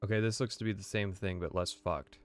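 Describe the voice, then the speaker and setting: A man's voice: low-pitched, steady tone, fairly quick, no echo, faint music behind. A man streaming live, chatting casually in a rambling, profane way with lots of fillers.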